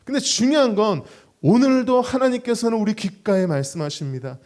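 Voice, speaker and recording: A male pastor preaches at a praise concert in a high, bright-pitched voice. His pitch swings widely as he tells stories and acts out quotes. He draws the listeners along with a lively storytelling manner. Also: fairly quick. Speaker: pastor and gospel singer; radio and online show host.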